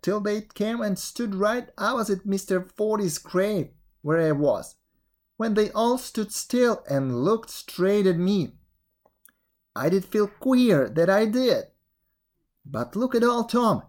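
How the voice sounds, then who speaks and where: A woman reading aloud and voicing an excitable male village sexton who tells an eerie tale with rising wonder. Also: slow pace. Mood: excited, eerie. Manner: breathless storytelling, rising pitch, wondering. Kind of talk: storybook reading.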